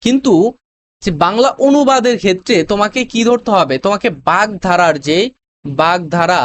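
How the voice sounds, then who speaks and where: An admission test tutor with a mid-range voice delivers a recorded lesson step by step, full of pauses, fillers, and quick self-corrections, and keeps checking that students are following.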